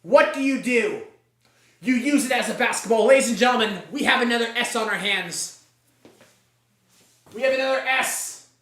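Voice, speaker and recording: A man's voice: very high voice, normal speed, long pauses, bright, forceful tone. A man hosting a livestream, repeating catchphrases in a mock sportscaster hype. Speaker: livestream host. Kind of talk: hyped live tier-list commentary. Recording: echoey room.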